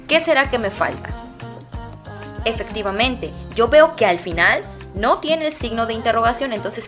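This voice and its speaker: A young adult woman with a Mexican accent, a teacher patiently explaining a lesson step by step to her pupils. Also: a little high. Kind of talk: classroom lesson. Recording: music playing behind her.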